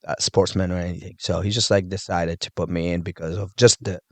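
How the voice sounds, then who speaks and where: Deep-voiced man from Morocco, chatty. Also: a little fast, no room sound. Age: 30s. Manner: animated, laughing, fills with "like" and "you know". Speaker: judo instructor, podcast guest. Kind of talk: casual storytelling chat.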